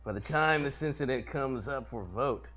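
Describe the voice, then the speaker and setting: A man voicing a scheming, smugly commanding dark lord in a comic script read. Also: medium pitch, normal speed, over a noisy crowd, close to an everyday voice.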